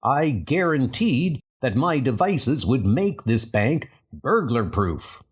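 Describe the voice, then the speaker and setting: A man's voice: mid-range voice, very animated, takes it slowly, slightly rough, full character voice. A man playing an earnest, stern scientist superhero in a comic-book dub, with a dramatic delivery. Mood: determined. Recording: loud music under the voice.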